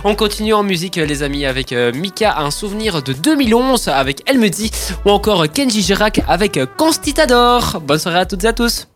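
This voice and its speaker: A man's voice: high-pitched, fairly quick, over music. A man hosting a casual radio show, joking with his co-hosts and reading sports news. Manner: jokey, teasing, animated.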